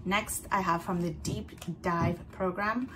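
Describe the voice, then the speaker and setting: A woman hosting in a conversational, semi-scripted style, giving film recommendations in a measured, explanatory way with brief pauses. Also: lowish voice, fairly even intonation, a bit bright, a little hiss or hum. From outside North America. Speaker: festival picks host.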